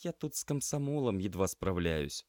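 A man's voice: low-pitched, sing-song, normal speed, a little mellow, no echo, clean studio sound. A man doing a sulky grumbling girl student. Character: grumpy young female student activist.

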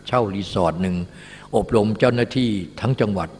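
A man's voice: lowish voice, fairly quick, a little mellow, a little hiss or hum. An older man, a Buddhist teacher, giving a dharma talk in a casual storytelling manner and speaking of himself in the third person. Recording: long hall reverb.

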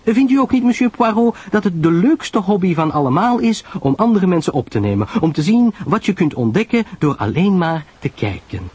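A man's voice: very animated, normal speed, hardly any pauses, darkish tone, husky, dry recording, exaggerated voice. A man doing a gushing, nosy young society lady. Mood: insistent. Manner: breathless gushing, high and lilting.

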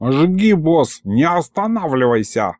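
A man's voice: a little high, big pitch swings, slow, a little mellow, no echo, clean studio sound, voice pushed up. A man voicing a cheeky male imp who talks gleefully in street slang.

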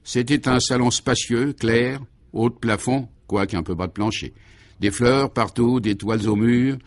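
A man narrating a vintage radio serial in a measured, dryly ironic storytelling manner. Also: lowish voice, no room sound.

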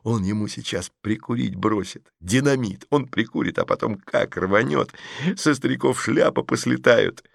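A man's voice: medium pitch, moderate pace, creaky, no room sound, studio quality. A man voicing an eager schoolboy who keeps whispering spoilers during a film. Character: schoolboy Petrov, chatty know-it-all.

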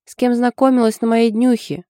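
A bossy young woman snapping demands in a raised, loud voice, as a female narrator puts her on. The tone is dark and mellow, recorded close and dry. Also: a little high, level tone, a little fast, no echo, voice pushed up, close to an everyday voice. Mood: demanding. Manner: demanding, barking.

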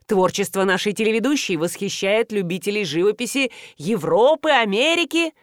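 A woman's voice: mid-range voice, lively intonation, moderate pace, dry recording, studio quality, close to an everyday voice. A woman voicing a flustered young male stand-in TV host. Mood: eager.

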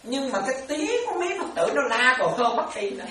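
A woman's high voice swings widely in pitch as she gives a quick-paced Buddhist dharma talk. She repeats phrases and keeps checking that listeners are following, recorded from a distance in an echoey room with faint ambience and a noisy background.

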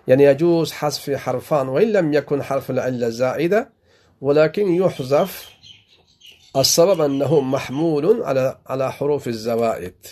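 A man's voice: fairly high pitch, a little mellow. Man teaching grammar with patient, repeated examples. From Afghanistan. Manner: explains step by step, repeats examples, fillers. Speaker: sheikh teaching Arabic grammar. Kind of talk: classroom grammar lesson.

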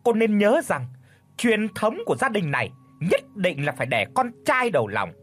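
Domineering elderly mother-in-law, voiced by a male narrator, shrill and harsh, in a dry storybook read. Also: wildly swooping pitch, unhurried, breathy edge, no room sound, exaggerated voice. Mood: furious scolding. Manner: harsh, scolding, shouting.

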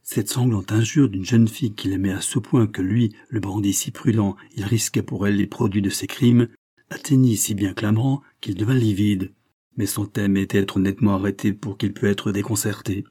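Husky, deep-voiced male narrator. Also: steady tone, normal speed, dark tone. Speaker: audiobook narrator. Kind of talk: literary audiobook narration.

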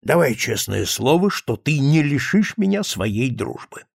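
A man's voice: mid-range voice, big pitch swings, unhurried, gravelly, breathy edge, dry recording, clean studio sound, full character voice. A man reading an audiobook, voicing a drunken, self-pitying male friend who pleads and boasts emphatically. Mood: gloomy, hesitant.

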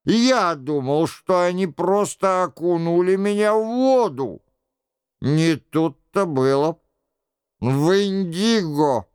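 A man's voice: high-pitched, animated, takes it slowly, smooth, no room sound, clean studio sound. A man reading aloud who voices an indignant young courtier complaining of his humiliation in a costume-drama audiobook. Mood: aggrieved. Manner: indignant, aggrieved.

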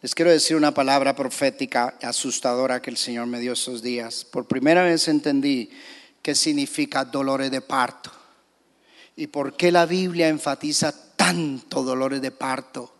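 A man's voice: medium pitch, steady tone, moderate pace. A man, a pastor, preaching a sermon in a church with emphatic, dramatic delivery. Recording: reverberant church hall.

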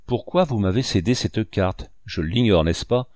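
A man's voice: lowish voice, lively intonation, moderate pace, a little mellow, dry recording, studio quality, lightly acted. A man reading a wily, wheedling pirate cook. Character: cunning, deferential male pirate cook. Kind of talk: audiobook dialogue reading.

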